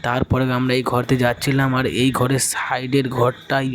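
A man's voice: medium pitch, monotone, moderate pace, background noise. A man casually narrating his walk through an abandoned hospital for a vlog. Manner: casual, describing what is shown. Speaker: vlogger. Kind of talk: narrated exploration vlog voice-over.

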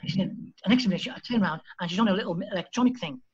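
Husky-voiced coach telling stories. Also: male voice, sits high, rapid-fire, highs cut off. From Liverpool, England. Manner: lively storyteller who acts out quoted dialogue. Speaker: football coach, podcast guest. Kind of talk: anecdotal interview storytelling.

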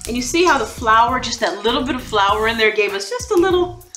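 Lively, bright-voiced woman cooking on camera. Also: a little high, brisk. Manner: chatty, encouraging, laughs between steps. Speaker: cooking show host. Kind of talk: cooking demonstration. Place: home kitchen, indoors. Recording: echoey kitchen with soft background music.

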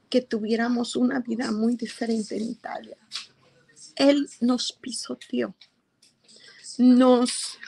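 A middle-aged woman giving an emotional personal testimony, telling her story slowly with hesitations. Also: a little high, vocal fry, a little mellow. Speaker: interviewee.

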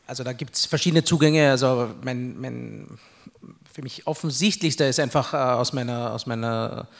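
Man, academic, hesitant, halting, panel talk, handheld mic. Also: medium pitch, vocal fry. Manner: hesitant, many fillers, academic. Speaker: anthropologist guest. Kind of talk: panel discussion. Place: large hall with audience.

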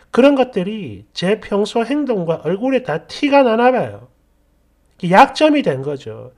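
A woman's voice: mid-range voice, a little mellow. A woman narrating a first-person workplace story in a chatty, indignant, confiding way.

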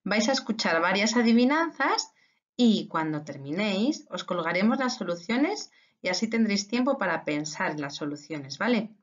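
Woman teacher for kids' video lesson, animated delivery, slightly dull lo-fi sound. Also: mid-range voice, normal speed. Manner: lively, playful, reciting riddles and tongue twisters. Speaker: primary school teacher. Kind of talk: recorded remote lesson for children.

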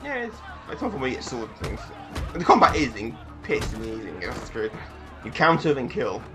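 A man's voice: medium pitch, wildly swooping pitch, moderate pace, over music. A man casually commentating on a video game in a joking, chatty way. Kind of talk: casual let's-play commentary.

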